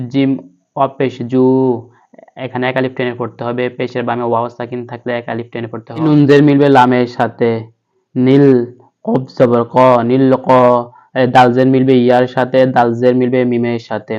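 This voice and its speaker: A man patiently spells out Quran letters and vowel marks one at a time, then chants the verse slowly. His voice is smooth and resonant but stays flat in pitch. The recording sounds slightly dull and lo-fi. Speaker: Quran teacher. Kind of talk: spelling-out Quran recitation lesson.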